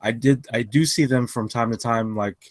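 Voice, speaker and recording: A man's voice: mid-range voice, fairly even intonation, moderate pace, dry recording. A man co-hosting a casual podcast chat, tired after a long work shift, rambling with lots of fillers and restarts. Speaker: podcast co-host.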